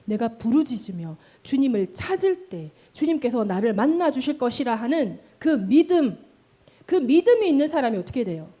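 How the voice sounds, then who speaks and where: A middle-aged woman preaching a sermon in a high, very lively voice that swoops up and down. Her tone is mellow rather than bright. She tells stories with energy, acting out calls and cries, and keeps asking the congregation questions. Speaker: pastor.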